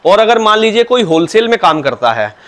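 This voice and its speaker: A man with a fairly high voice, speaking as a dealer in his shop. He explains things patiently and politely, like a salesman. His answers often open with a respectful address to the questioner. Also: very animated, fairly quick, fairly bright tone. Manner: patient, salesman-like, repeatedly opens with "sir, look". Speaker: cow mat dealer. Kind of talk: product explanation in an interview.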